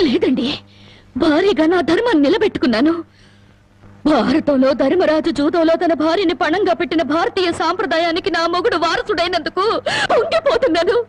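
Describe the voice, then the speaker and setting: An actress playing a wronged young wife who speaks with bitter sarcasm and tears, in melodramatic film dialogue. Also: female voice, extremely high pitch, a little fast. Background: film score music.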